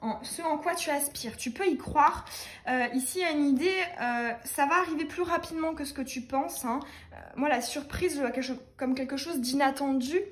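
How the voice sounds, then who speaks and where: A young woman doing a casual tarot reading, speaking fast with many fillers and restarts. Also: high voice. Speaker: tarot reader.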